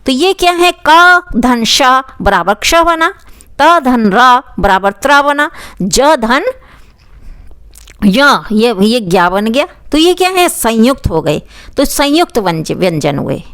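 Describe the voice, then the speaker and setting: A woman teaching Hindi grammar for exam preparation, who asks questions and answers them herself and sounds out letters slowly. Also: on the high side, expressive, fairly bright tone, clear, resonant tone, dry recording. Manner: says sounds aloud slowly and repeats them for the viewer. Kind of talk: exam-prep grammar lesson.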